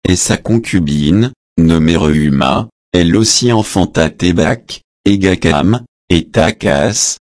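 Deep, slow man reading scripture. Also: animated, a little mellow, no echo, clean studio sound. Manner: measured, deliberate reading that voices the footnotes. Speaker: scripture reader.

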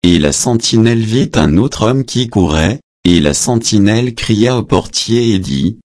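A man reading scripture aloud in a measured, solemn way, announcing verse numbers and adding short translation notes. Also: on the low side, animated, darkish tone, no room sound, studio quality. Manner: adds short translation notes between passages.

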